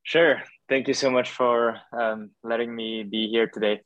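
A French doctoral student, appearing as a podcast guest, answers interview questions hesitantly, with lots of fillers and restarts. His medium-pitched voice stays steady at a measured pace, and the lo-fi recording has no echo.

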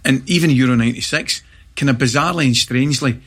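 Animated Scottish man telling stories. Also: mid-range voice, fast talker, slightly rough. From Scotland. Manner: animated anecdote teller, laughs through stories. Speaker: former footballer guest. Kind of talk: casual storytelling chat.

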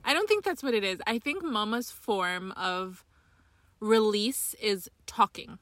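A woman in her twenties co-hosting a podcast in casual chat, animated and rambling, laughing often. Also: medium pitch, measured pace, dry recording. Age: 20s. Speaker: podcast co-host.

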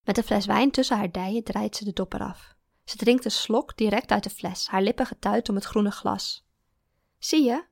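A woman reading a first-person story aloud in a calm, even storytelling manner. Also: medium pitch, normal speed, gravelly, no room sound, studio quality. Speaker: narrator.

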